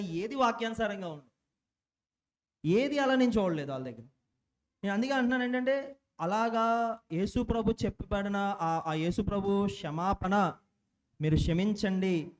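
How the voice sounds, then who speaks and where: Young male lay preacher, high voice, informal delivery, mixes English into his sermon. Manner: informal, mixing English words, restarts and self-corrections. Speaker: church speaker.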